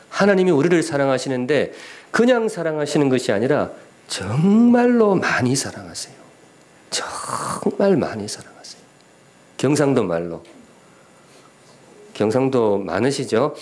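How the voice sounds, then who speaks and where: Man, middle-aged pastor, sermon in church, animated up-and-down pitch, humorous and questioning. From Gyeongsan, North Gyeongsang, Korea. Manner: lively preaching with questions and humor to the congregation. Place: church sanctuary.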